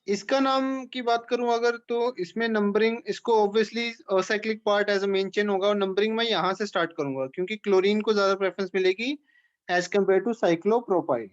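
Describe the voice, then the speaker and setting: A man's voice: high-pitched, steady tone, normal speed, highs cut off. A man teaching an organic chemistry class, explaining step by step and checking in with questions to his students. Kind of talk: classroom lecture.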